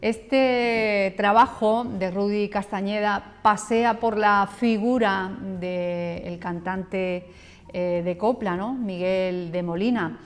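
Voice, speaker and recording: A woman's voice: mid-range voice, steady tone, slow pace. A woman hosting a local TV interview, asking questions in a conversational way with some fillers. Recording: long hall reverb.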